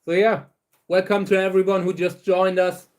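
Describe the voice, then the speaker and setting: Chatting casually with his livestream audience, this channel host from Germany answers viewers' questions at a normal, easygoing speed. German is his first language; his voice is on the high side for a man, and he meanders, frequently restarting words.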